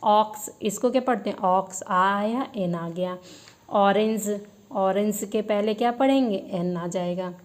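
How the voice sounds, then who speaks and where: A woman's voice: medium pitch, a little slow. A woman teaching an English grammar lesson, asking her students questions and answering them herself, and repeating the key words as a drill.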